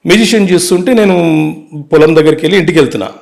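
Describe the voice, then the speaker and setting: A man, an advocate telling his life story in an interview, earnest and brisk, mixing in English words. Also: high voice, darkish tone.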